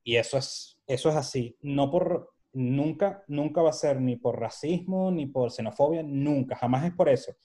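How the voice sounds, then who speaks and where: Venezuelan man with a mellow voice. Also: fairly high pitch, normal speed, few pauses. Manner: animated storyteller who acts out quoted dialogue. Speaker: guest photographer. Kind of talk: casual interview conversation.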